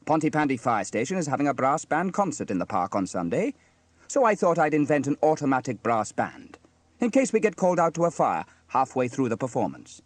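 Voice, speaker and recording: A man's voice: mid-range voice, sing-song, brisk, no room sound, pitched above the performer's own voice. A man voicing a cheerful, kindly inventive fireman uncle with a hearty manner in a children's story. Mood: proud, cheerful. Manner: hearty, exclaiming.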